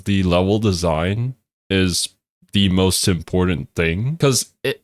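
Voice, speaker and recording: A man's voice: low-pitched, dry recording, clean studio sound. A man giving casual, unscripted reaction video commentary in a thoughtful, somewhat hesitant, musing way.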